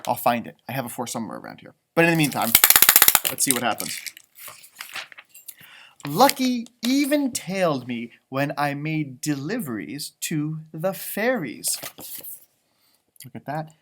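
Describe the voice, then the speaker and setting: A man with a slightly high voice reads a children's story at a measured pace, pausing often, against a noisy background. He's an animated storybook reader who chats in improvised asides about the pictures.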